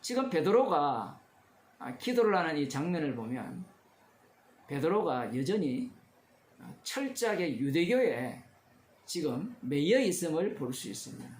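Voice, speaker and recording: Lively Korean pastor preaching in an echoey room. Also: male voice, on the high side, a little slow. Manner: conversational, asks the congregation questions, chuckles. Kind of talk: expository sermon. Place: church.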